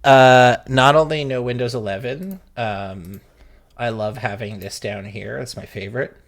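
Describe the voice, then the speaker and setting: A young man with a gravelly, creaky voice talks casually on his live stream. He is loose and chatty, and he swears freely with his viewers and friends. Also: medium pitch, fairly even intonation, measured pace.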